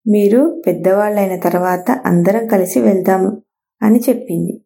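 A woman telling a children's folk tale in a gentle, expressive read-aloud manner. Her voice is mellow and soft-toned, sitting at an ordinary pitch. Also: moderate pace, vocal fry. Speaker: storyteller. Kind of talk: children's story narration.

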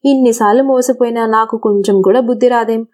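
ఒక స్త్రీ చెప్పే ఆకలితో ఉన్న తెలివితక్కువ తోడేలు, మెల్లని స్వరం. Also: female voice, fairly high pitch, steady tone, brisk, a little mellow, close to an everyday voice. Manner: greedy, self-pitying storytelling voice. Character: starving foolish gullible wolf, boastful.

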